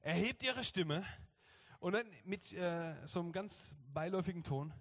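German pastor preaching in a reverberant hall. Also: male voice, high voice, normal speed. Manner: lively, acts out quoted voices. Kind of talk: sermon. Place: church hall.

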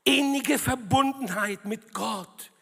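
A male preacher with a high, husky voice delivers a sermon in a slow, drawn-out way. He swings from loud calls to hushed, prayerful murmurs and asks the congregation to repeat after him. His voice carries a long reverb from a church hall.

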